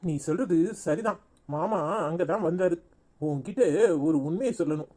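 A woman's voice: fairly low pitch, moderate pace, mellow, close to an everyday voice. A woman voicing an earnest, reassuring young husband in a cartoon, with a Tirunelveli Tamil accent.

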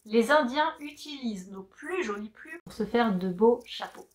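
A woman voicing a friendly young red rooster in a children's storybook, speaking gently and slowly. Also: on the high side, expressive, close to an everyday voice. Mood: confiding.

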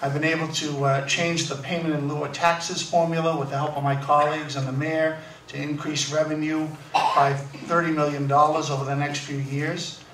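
A man who is council president, answering at a candidates' forum in a hurried manner with many fillers. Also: fairly high pitch, little pitch movement. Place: school hall, heard from afar. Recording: echoey hall, distant mic, faint noise.

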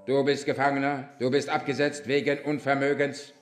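A man's voice: mid-range voice, flat delivery, fairly quick, echoey room, soft background music, pitched above the performer's own voice, lightly acted. Man playing a curt robot messenger. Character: male robot messenger of the judge.

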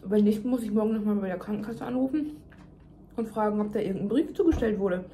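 A woman's voice: medium pitch, fast, warm tone, a little hiss or hum. A young woman venting emphatically in casual chat to her viewers, talking while chewing. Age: young adult. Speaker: vlogger. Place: home kitchen, indoors.

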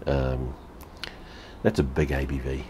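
Against a noisy background, a New Zealand man in his fifties talks slowly in a very deep, level voice. He reviews beer casually for his home vlog, TV behind him, swearing bluntly and going over the same points.

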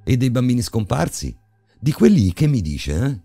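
A man's voice: sits low, big pitch swings, moderate pace, mellow, no echo, faint music behind, pitched above the performer's own voice, full character voice. A man voicing a curious teenage boy in a horror audiobook, speaking with fervent insistence. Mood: pressing. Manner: fervent, pressing.

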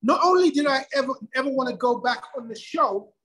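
A middle-aged man telling his own story in a casual interview, lively and acting out quoted dialogue. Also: very high voice, a little fast, slightly rough, rough recording. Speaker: guest.

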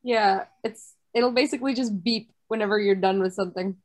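A woman's voice: medium pitch, rough recording. A woman in a book club on a video call who chats eagerly and jumps in to help spot coding mistakes. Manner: chatty, quick to help, animated. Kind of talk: casual chat on a video call.

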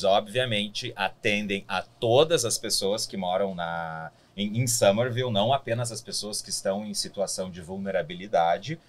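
A man in his thirties from Brazil, a city hall staffer answering interview questions in a measured, explanatory way in a podcast studio. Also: mid-range voice. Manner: measured, explanatory, frequent "né" tags. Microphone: boom-arm studio mic.

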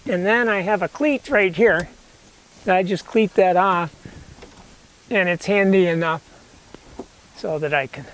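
A man's voice: high voice, a bit bright, a little hiss or hum, rough recording. A man in his sixties giving a casual, rambling, self-correcting how-to demonstration outdoors on a lawn, recorded on a camera mic. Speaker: canoe builder showing his rig. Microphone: camera mic, sometimes far from camera.

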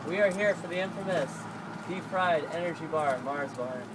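A man's voice: a little high, normal speed, very noisy. A man, a touring musician, chatting and joking with his bandmates at an outdoor food stand for a casual travel vlog.

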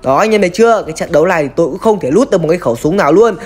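Very fast and expressive, this gaming YouTuber's high voice carries a breathy edge. He tells his own game-based horror story in a chatty way, addressing his viewers directly as brothers.

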